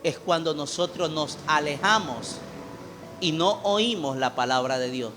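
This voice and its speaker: A man preaching a sermon as pastor in a church, impassioned, swinging from loud calls to hushed appeals. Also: on the high side, measured pace, music in the background.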